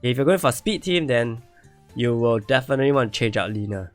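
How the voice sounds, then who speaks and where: Faint music plays behind this man as he talks briskly in a medium-pitched voice with lively intonation. In casual live-stream commentary, he plays a game and looks through viewer accounts, musing aloud and saying things twice as his voice begins to fail.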